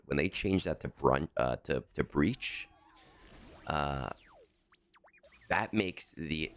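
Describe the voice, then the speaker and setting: A man's voice: extremely low pitch, fairly bright tone. A man streaming a game and chatting in a casual, rambling and joking way, his voice scratchy in the morning. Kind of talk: casual live-stream chat.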